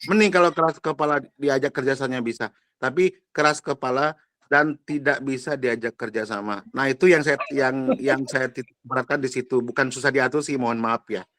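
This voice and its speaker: A man's voice: medium pitch, a little fast, fairly bright tone, no echo. Man, from Sumatra, audience questioner, careful, apologetic, dry sound. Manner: careful, apologetic, explains himself. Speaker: audience member asking a question.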